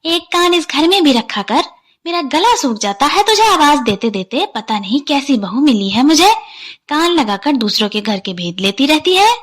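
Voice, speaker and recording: A woman voicing a sharp-tongued, scolding middle-aged mother-in-law in an animated story, with a shrill, nagging delivery. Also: moderate pace.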